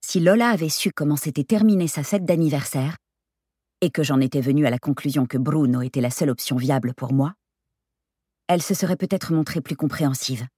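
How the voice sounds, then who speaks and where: A woman narrating a first-person story in an audiobook reading, steady and expressive. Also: sits low, a little fast, breathy edge, dry recording, studio quality.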